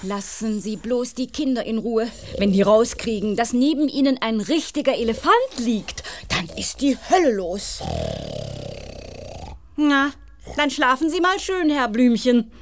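An actress playing a brisk, strict but amused hospital nurse in a children's audio drama, firm and knowing. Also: female voice, on the high side, lightly acted. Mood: scolding, amused.

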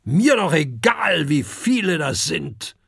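A huge gluttonous dragon father with a hoarse, grumbling, gravelly voice, put on by a male storybook reader. He talks slowly and gruffly, with wide swings of pitch. The recording is close and dry. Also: very animated, bright, forceful tone, no room sound, exaggerated voice.

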